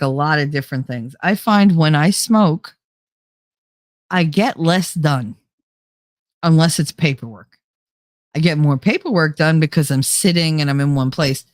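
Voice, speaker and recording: The speaker is a young woman hosting a livestream, her voice low and darkish with no room sound. She chats and rambles while reading live comments, laughing frequently, a little nasal from a cold, and positioned close to a desk microphone.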